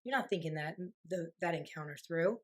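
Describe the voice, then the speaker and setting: A woman in her thirties, co-hosting a podcast, telling stories in a lively casual way with swearing and laughs. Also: low voice, a little fast. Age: 30s. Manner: animated storytelling, swearing and laughing. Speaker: podcast co-host. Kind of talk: casual chat.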